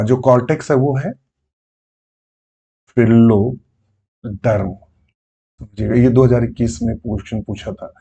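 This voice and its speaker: A man's voice: medium pitch, mellow, breathy edge, lo-fi sound. Man teaching biology, quizzing listeners. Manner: repeats key terms and quizzes listeners with quick questions. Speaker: biology exam coaching teacher. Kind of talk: exam-prep lecture.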